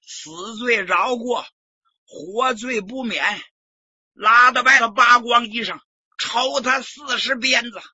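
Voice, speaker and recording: A man's voice: fairly high pitch, bright, forceful tone, slightly rough, dry recording, full character voice. A man voicing a spiteful young prince who demands harsh punishment. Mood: vindictive. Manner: vengeful, drawn-out demands. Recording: dull lo-fi recording.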